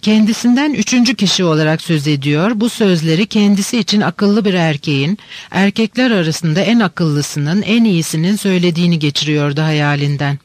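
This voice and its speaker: A man narrating a classic novel in an audiobook, measured and even. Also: sits high, no echo. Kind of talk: scripted literary narration.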